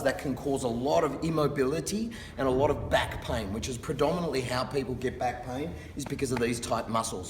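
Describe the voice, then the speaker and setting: A man working as a fitness instructor, explaining exercises in a careful, unhurried and encouraging manner. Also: medium pitch. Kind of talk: instructional exercise demonstration with coaching cues. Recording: distant mic, reverberant hall, background noise.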